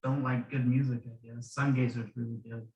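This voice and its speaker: A man's voice: medium pitch, little pitch movement, a little fast, darkish tone, distant mic, muffled recording. A man in a band, talking bluntly and offhandedly in a casual group interview. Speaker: band member guest. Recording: echoey room.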